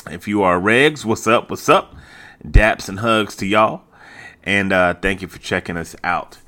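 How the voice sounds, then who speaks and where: A man with a fairly low voice chats casually as host of a sports podcast. He is laid-back and colloquial, doubling up phrases for emphasis. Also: unhurried, bright, forceful tone.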